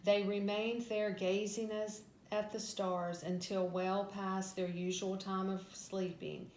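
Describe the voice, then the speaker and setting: A woman's voice: medium pitch, flat delivery, slow pace, darkish tone. A woman Sunday school teacher reads a scripted Bible story lesson aloud in a storytelling delivery. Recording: echoey room with background noise.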